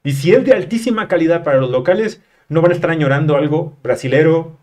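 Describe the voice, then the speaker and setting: Fast-talking and fairly high-pitched with a slightly mellow tone, this Mexican host runs a casual interview chat show. Speaking with a Mexican Spanish accent, he goes through viewer questions in a slangy, conversational manner.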